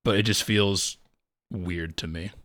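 A man's voice: low voice, fairly even intonation, slow, fairly bright tone. A man co-hosting a podcast in casual chat, rambling and leaning on "like" as a filler. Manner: rambling, heavy use of "like". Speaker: podcast co-host.

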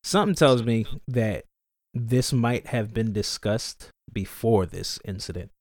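A man with a lowish voice talks through his ideas in a relaxed podcast chat. He works things out aloud and hesitates often. The recording is close and dry, with no room sound. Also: unhurried, no echo. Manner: laid-back, thinking aloud, hesitant with fillers. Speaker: podcast co-host. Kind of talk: casual chat.

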